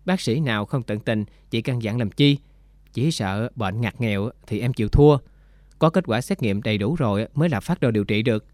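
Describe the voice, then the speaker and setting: A man reading as a calm, practical doctor. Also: medium pitch, normal speed, dry recording, clean studio sound, close to an everyday voice.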